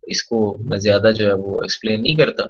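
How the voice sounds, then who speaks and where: A male physiotherapy lecturer giving a recorded radiology lesson, explaining in Hindi and slowly reading English textbook lines aloud. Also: on the low side, steady tone, dull audio, slight background noise.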